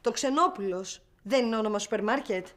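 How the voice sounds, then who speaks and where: An actress playing a scatterbrained, chatty nanny in a sitcom, talking in a theatrical, rambling way. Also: female voice, on the high side, fairly bright tone, natural voice. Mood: lively. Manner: theatrical, rambling, mock-dramatic. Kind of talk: sitcom acting.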